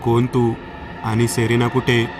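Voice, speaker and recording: A man's voice: mid-range voice, monotone, measured pace, background noise, natural voice. A man playing a panicked young man. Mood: alarmed. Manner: panicked, pleading. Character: frightened young man trapped in a cave.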